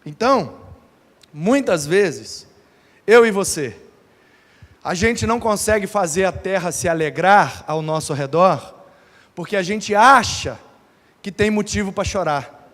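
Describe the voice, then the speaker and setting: A pastor preaching a sermon, emphatic and dramatic with humorous touches. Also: male voice, high-pitched, lively intonation, a little slow, pauses often, a bit bright. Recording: reverberant church hall.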